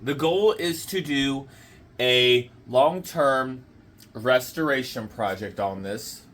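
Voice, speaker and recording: A motorcycle restoration vlogger with a sore throat, his mid-range, fairly bright voice a little off, talks slowly through an old motorcycle in his home garage. The casual walkaround rambles, full of fillers and restarts.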